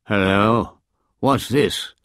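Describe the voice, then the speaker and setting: Big growly daddy bear from the reader, gruff but gentle, storybook. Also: medium pitch, extremely slow, no echo, clean studio sound.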